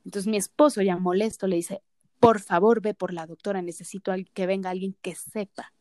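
Mellow-voiced woman telling a story. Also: medium pitch, brisk, no room sound, clean studio sound. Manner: animated, acts out quoted dialogue. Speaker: podcast co-host. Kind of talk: casual storytelling chat.

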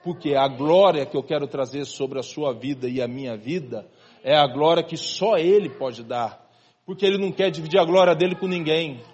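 Male pastor, husky and high-pitched, preaching in an easy, chatty way. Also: normal speed, a little mellow, lo-fi sound. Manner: conversational preaching, calls listeners "irmão". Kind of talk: sermon.

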